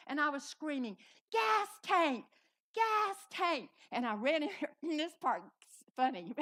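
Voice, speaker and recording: A middle-aged woman storyteller on a live festival stage, telling a personal story in an animated, dramatic way. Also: high-pitched.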